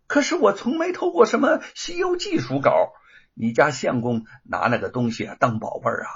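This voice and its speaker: A man's voice: vocal fry, breathy edge, dull audio, full character voice. A man voicing a scheming, mocking villainous woman in a told story, stammering when frightened. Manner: mocking, shrill denials, stammers when scared. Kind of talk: storybook character voice.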